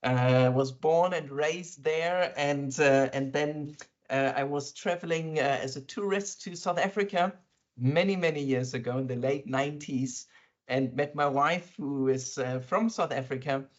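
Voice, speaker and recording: A man's voice: a little high, measured pace. A middle-aged man from Berlin, talking thoughtfully and enthusiastically in an interview, with many fillers. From Germany, East Berlin. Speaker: interviewed scientist. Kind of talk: conversational interview. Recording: dull lo-fi sound.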